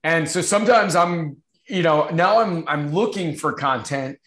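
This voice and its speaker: Halting male host in a roomy space. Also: a little high, a bit bright. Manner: halting, repeats phrases. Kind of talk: casual interview chat. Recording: roomy, echoing sound.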